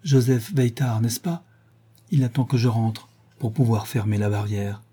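A man's voice: medium pitch, moderate pace, mellow, husky, lightly acted. A man reading aloud as a feverish, delirious young woman, speaking in an impassioned, pleading way. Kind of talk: audiobook character reading.

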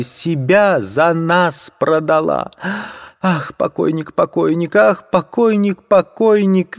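A frantic impoverished widow, as a male reader puts her on, shrieks and pleads in a shrill, raised voice. Her outcries tumble out in a breathless rush. It is a character voice in an audiobook reading. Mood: desperate.

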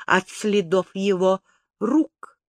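An audiobook reader voicing a scornful, mocking young noblewoman with a sharp tongue. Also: mid-range voice, slow, no room sound, studio quality.

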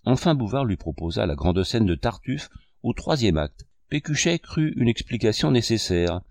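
Male narrator for a classic novel; measured and expressive, low-pitched, dry recording. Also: no echo. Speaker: audiobook narrator.

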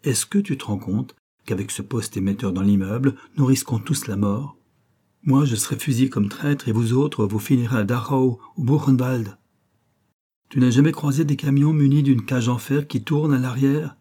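A man's voice: mid-range voice, normal speed, dark tone, slightly rough, natural voice. A man reading an audiobook and voicing a blunt, indignant old friend who scolds hotly. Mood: worried. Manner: scolding, heated and accusing.

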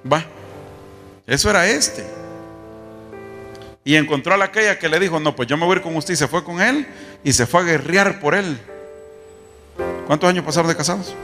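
A man preaches in a bright, forceful tone, his voice sitting a bit high. He tells folksy stories, acting out conversations and firing off rhetorical questions. Faint instrumental music plays behind him. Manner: folksy storytelling, acts out dialogue, rhetorical questions. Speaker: apostle preaching. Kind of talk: sermon.

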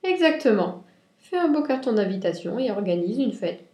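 A woman voicing a calm, serene mother rabbit on the phone, speaking slowly and reassuringly. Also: on the high side, voice pushed up. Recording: roomy echo.

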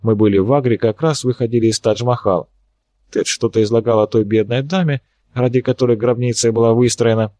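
A man's voice: mid-range voice, steady tone, fairly quick, warm tone, no room sound, close to an everyday voice. A wry young woman scientist, anxious under her irony, speaks in a lightly lifted voice, as a male audiobook reader puts her on. The recording is dry and close, with no room around it.

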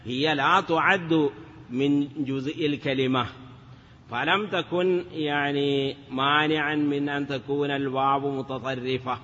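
A man's voice: a little high, steady tone, unhurried, a bit bright, slight background noise. A man teaching Arabic morphology in a lesson, chanting word forms and asking rhetorical questions. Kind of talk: classroom lesson. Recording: dull lo-fi sound with long reverb.

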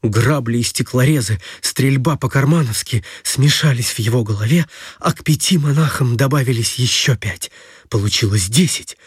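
A man reading an adventure story aloud in a lively storytelling manner. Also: medium pitch, moderate pace, slightly rough, no echo, clean studio sound. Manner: lively storytelling, voicing every figure. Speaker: narrator.

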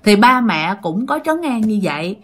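A woman narrates a ghost story casually, often turning to speak straight to her listeners. Her medium-pitched voice is a bit bright and sing-song, moving at a moderate pace.

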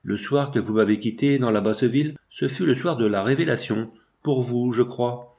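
A man's voice: mid-range voice, moderate pace, gravelly, a little mellow, natural voice. A man voicing a proud, blunt young man who speaks in a curt, cutting way in a read-aloud novel. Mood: bitter.

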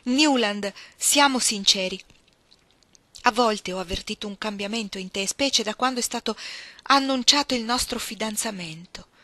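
A woman reading the part of a calm, dignified young fiancée who speaks softly and in a measured way in an audiobook reading. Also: mid-range voice, dry recording, close to an everyday voice. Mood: composed. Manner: soft, composed, measured.

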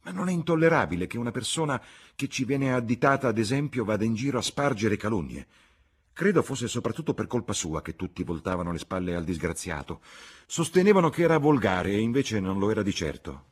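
A man's voice: on the low side, animated, a little fast, slightly rough, pitched above the performer's own voice. A man playing a fiery, indignant young woman. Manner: heated, emphatic.

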